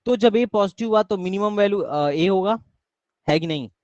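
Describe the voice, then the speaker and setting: A man's voice: high voice, moderate pace, a little mellow, dry recording, highs cut off. A young man teaching math in a live online class, often quizzing his students and repeating his questions. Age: young adult.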